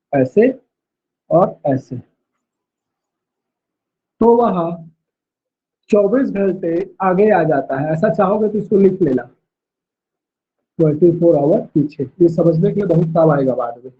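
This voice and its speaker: A male teacher dictating class notes, repeating each phrase slowly so students can write it down. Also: high voice, breathy edge. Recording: tinny phone-like audio.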